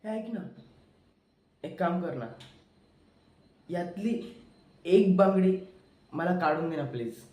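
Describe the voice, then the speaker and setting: A man's voice: high voice, expressive, slow pace, long pauses, a little mellow, roomy sound. An actor auditioning as an obsessive, menacing young male psychopath, coaxing and pleading in repeats before turning to threats. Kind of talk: audition monologue acting.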